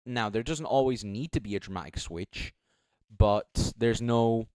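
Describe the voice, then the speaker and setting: A man's voice: medium pitch, a little slow, a little mellow, smooth, dry recording. A young man casually commenting on a live stream, rambling, correcting himself and swearing freely. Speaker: streamer judging beatbox entries.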